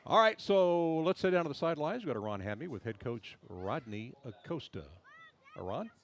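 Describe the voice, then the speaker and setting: A man with an American accent calling a live high school football game as the play-by-play commentator. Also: animated, normal speed.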